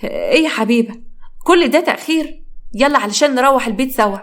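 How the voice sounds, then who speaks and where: A woman's voice: lively intonation, fast. A woman voicing an earnest poor teenage schoolgirl, in an Egyptian accent. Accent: Egyptian Arabic. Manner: earnest, scolding, high-pitched.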